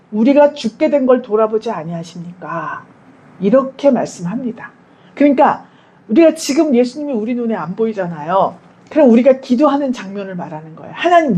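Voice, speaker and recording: High, lively woman preaching. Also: rough recording. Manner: conversational, asks the congregation questions; acts out quoted prayers and dialogue. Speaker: pastor. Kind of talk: Sunday sermon. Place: church.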